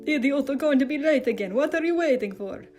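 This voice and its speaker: A woman reading a fanfic aloud, voicing a grumpy, hot-tempered young man who talks gruffly. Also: high voice, animated, a little fast, darkish tone, soft background music, pitched above the performer's own voice. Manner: gruff, cursing.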